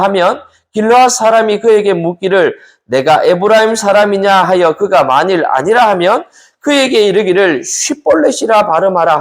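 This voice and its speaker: Korean pastor guy preaching bible study, high voice that jumps all over, talks right to the church folks. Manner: lively preaching, addresses the congregation directly.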